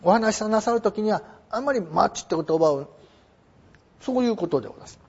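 A middle-aged man explains English phrasing in a polite, roundabout lecture style with plenty of fillers. His voice sits high and swings widely in pitch, with a husky edge. The recording is dull and lo-fi. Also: lively intonation, brisk, a little mellow. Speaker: English teacher.

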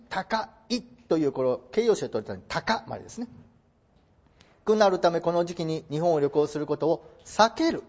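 A man's voice: high voice, darkish tone, lo-fi sound. A man teaching English translation in a lecture, mixing formal polite phrasing with playful joking asides.

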